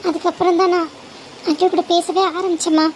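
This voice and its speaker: A woman voicing an anxious, devoted young woman in love in a homemade animated cartoon, pleading and clinging. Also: fairly quick, a little hiss or hum. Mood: hesitant. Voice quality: very high, girlish.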